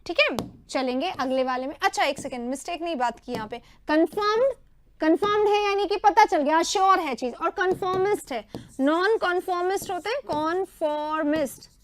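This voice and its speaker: A woman teacher running an exam prep lesson, repeating word meanings in quick lists. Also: very high voice, lively intonation, slight background noise. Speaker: English teacher.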